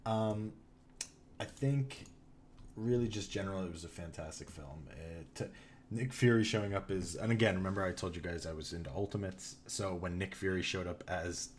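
A man co-hosting a podcast in casual chat, telling excited fan memories and swearing now and then. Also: sits low, fairly quick, slight background noise. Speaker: podcast co-host.

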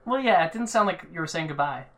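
A man hosting a podcast, chatting enthusiastically and telling a quick story to his co-host. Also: a little high, lively intonation, sharp tone. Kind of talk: casual banter.

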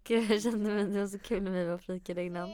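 A young woman co-hosting a podcast, chatting and telling stories in a lively, giggly way. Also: medium pitch, slight background noise. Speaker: podcast co-host. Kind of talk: casual chat.

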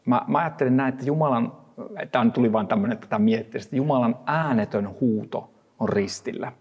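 A man giving a thoughtful Bible reflection, pausing often and restarting his words. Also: medium pitch, darkish tone, husky, big-room sound, dull audio. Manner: thoughtful, halting, frequent restarts. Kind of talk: reflective Bible devotional talk.

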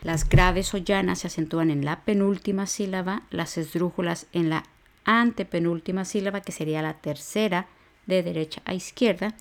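A woman hosts an educational exam-prep podcast, teaching grammar in a fairly low, fairly even voice. She goes slowly, breaking words down and spelling them out syllable by syllable.

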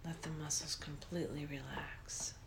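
Low, hushed woman guiding meditation, soft whispery. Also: level tone, vocal fry, noisy background. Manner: slow, soothing delivery with long pauses. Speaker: meditation guide. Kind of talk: guided meditation in a soft, breathy near-whisper.

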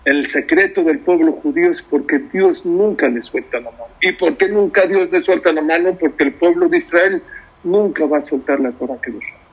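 A man's voice: a little high, normal speed, slightly rough. A man preaching a sermon emphatically, using rhetorical questions. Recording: dull lo-fi audio.

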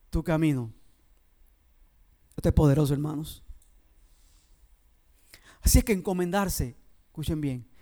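A man's voice: a little high, darkish tone. A male pastor preaching a sermon, emphatic and repetitive, often turning to address the congregation directly.

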